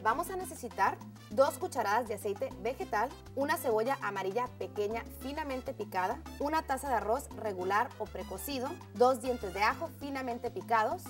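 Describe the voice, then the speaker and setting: Speaking a little high, a woman hosts a scripted cooking show, addressing viewers as friends as she goes through the recipe step by step in an upbeat, friendly manner.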